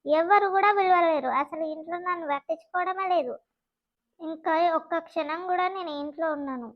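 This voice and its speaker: A woman's voice: very high voice, fairly quick, lo-fi sound. A woman voicing a sulky young married daughter with a Telangana accent, complaining about her in-laws. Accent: Telangana Telugu.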